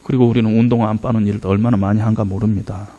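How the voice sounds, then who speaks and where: A middle-aged man from South Korea preaching a revival sermon in a church, telling a family story with many hesitant fillers and sudden swings from hushed to loud. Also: fairly low pitch, level tone, rapid-fire. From South Korea, Yeosu area. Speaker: guest pastor. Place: church sanctuary.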